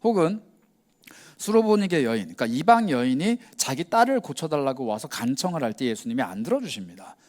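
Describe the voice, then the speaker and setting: A man's voice: medium pitch, big pitch swings, brisk, a little mellow. A male pastor giving a youth worship sermon in a casual, conversational way, telling the story with energy and acting out the lines he quotes. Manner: casual, conversational preaching with slang.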